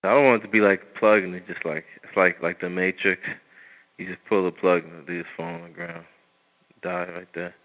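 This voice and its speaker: Hesitant low-voiced man on a phone line. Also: steady tone, a little fast. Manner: hesitant, many fillers like 'like' and 'um'. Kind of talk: casual phone conversation.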